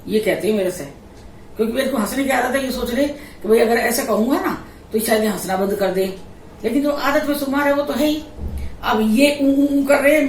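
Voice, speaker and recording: Vlogger mom, middle-aged woman, lively laughing storyteller; a bit off-mic in an echoey room with faint background hum. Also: a little high. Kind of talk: casual storytelling chat. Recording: echoey room, voice a little distant.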